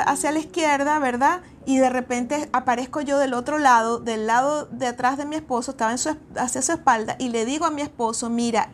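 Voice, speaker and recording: Lady with a high voice telling her faith story, earnest, restarts a lot. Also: slight background noise. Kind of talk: personal testimony and exhortation.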